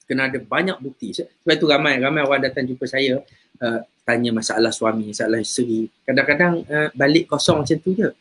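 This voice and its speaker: A man's voice: mid-range voice, fairly quick, fairly bright tone, slightly rough. A man, a religious teacher, talking casually about faith and character, telling stories and repeating words as he goes. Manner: chatty storyteller, repeats words.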